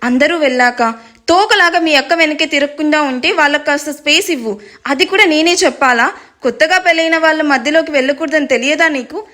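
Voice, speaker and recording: Brief: a woman doing a mocking, exasperated young man in a storybook reading, high-pitched. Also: brisk, pushed and bright. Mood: bickering. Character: teasing, bickering young man.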